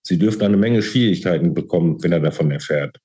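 A frightened young woman caught by the secret police, read by a man with a deep, warm voice, anxious but defiant. She pleads and pushes back with nervous urgency. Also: brisk, close to an everyday voice.

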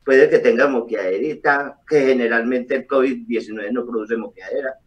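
A middle-aged man, a doctor, explaining calmly over a video call with frequent hesitations. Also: mid-range voice, moderate pace, dull audio. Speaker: doctor guest. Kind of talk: explanatory interview answers. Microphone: webcam on a video call. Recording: distant video call audio.

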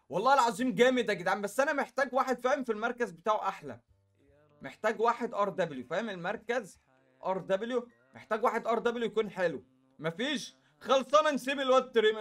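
A man's voice: high voice, lively intonation, very fast, fairly bright tone, faint music behind. A young man with an Egyptian Arabic accent giving casual gameplay commentary. He chats straight to his viewers and fills his talk with asides. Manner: chatty, talks straight to viewers with lots of filler asides. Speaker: gaming YouTuber.

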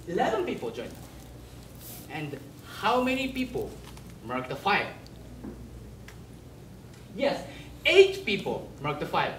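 Young Japanese-accented male presenter, earnest, slow, lively pitch, echoey distant room with faint noise. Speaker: student presenter. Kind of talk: project presentation.

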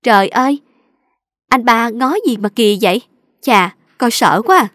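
A woman voicing a young female workshop hand from the south who cries out loudly in shock and teasing. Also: fairly high pitch, quick pace, dry recording, studio quality, lightly acted. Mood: startled teasing. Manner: loud startled exclaiming.

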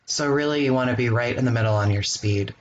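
A man hosting a screen-recorded software walkthrough, explaining each step in a relaxed way with the odd um. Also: mid-range voice, fast, muffled recording, over a noisy crowd. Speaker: software tutorial host.

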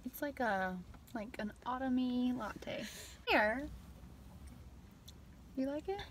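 A woman's voice: sits high, slow pace, a little hiss or hum. Playful young American woman vlogging in a car. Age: young adult. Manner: playful, giggly, goofy. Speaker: vlog host. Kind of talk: casual car vlog chat. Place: parked car. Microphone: phone camera on dashboard. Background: car and outdoor ambience.

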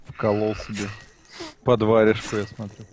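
A man's voice: on the low side, monotone, normal speed, noisy background. A man chatting casually as a stream co-host, a bantering sidekick who relays comments from viewers. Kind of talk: casual chat.

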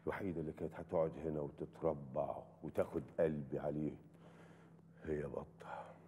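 A man with an Egyptian accent playing a boastful, flattering rich man who hosts feasts in a TV drama. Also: a bass voice, fairly quick, slight background noise. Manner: smooth-talking, flattering, boastful. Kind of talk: TV series acting.

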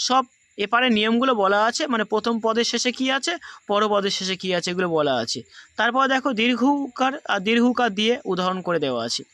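A man's voice: high-pitched, animated, fast talker, sharp tone, no room sound. A man teaching a grammar class, explaining the rules patiently and going over each step again. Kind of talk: recorded class lesson.

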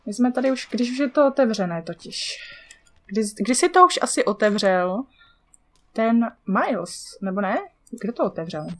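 A woman's voice: fairly high pitch, expressive. A woman with a Czech accent giving casual let's-play commentary, chatty, swearing at the game and muttering to herself as she plays. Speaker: gamer.

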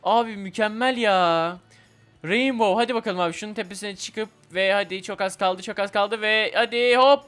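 A young man commentating a platform game for viewers, excitable and chatty, often talking to the game itself. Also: high voice, moderate pace, clear, resonant tone, faint music behind. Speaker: gaming video host. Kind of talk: excited let's-play commentary.

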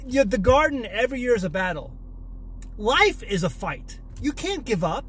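A homesteading channel host in his thirties rants casually into a phone held out at arm's length from his parked car. He talks at normal speed in a very high, slightly bright voice with a breathy edge and big pitch swings, stressing points emphatically through repetition.

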